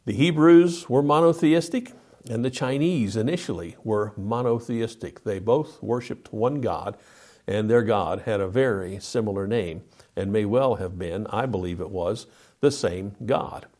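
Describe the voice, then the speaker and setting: A man's voice: lowish voice, a little slow, a little mellow. A man teaching a Bible study lesson, walking through slides step by step and reading scripture aloud with emphasis.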